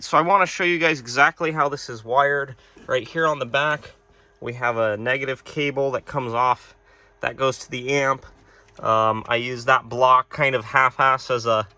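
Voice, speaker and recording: A young man casually walking viewers through troubleshooting electronics in his workshop studio, explaining each step as he goes. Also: mid-range voice. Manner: shaken and excited at first, then calm explaining. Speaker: electronics repair video host. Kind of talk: casual hands-on demonstration.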